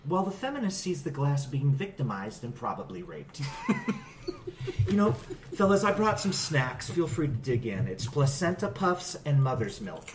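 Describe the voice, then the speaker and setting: A man hosts a comedy podcast in a mock-earnest, joking tone. His pitch rises and falls a lot. Faint noise sits under the voice. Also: sing-song, normal speed. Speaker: podcast host. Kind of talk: comedic movie review podcast chat.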